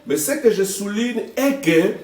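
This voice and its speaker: A man from the DRC gives political talk-show commentary, explaining his views with proverbs and calling the listener "maman." His voice is high for a man, with a darkish tone, an animated delivery, and a slightly slow pace. The recording is roomy, and he sounds distant from the mic.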